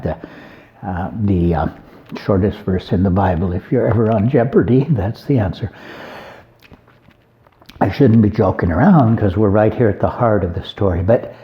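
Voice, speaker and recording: Low-voiced man giving a chatty homily. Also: dull audio. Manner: conversational, with folksy asides and joking. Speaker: abbot. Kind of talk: informal homily retelling a Gospel reading.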